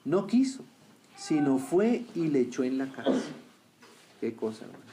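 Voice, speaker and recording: A man preaching a sermon who keeps asking his listeners questions and answering them, rising loud on key lines and dropping low and quiet on others. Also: very animated, measured pace, background noise. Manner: swings between raised emphatic lines and quiet low remarks.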